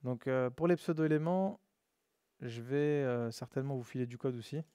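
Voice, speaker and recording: A man's voice: medium pitch, normal speed, clear, resonant tone, no echo. Slangy, casual male coding instructor. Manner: relaxed and slangy, addresses students as "les gars". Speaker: web development instructor. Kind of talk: casual live classroom lesson.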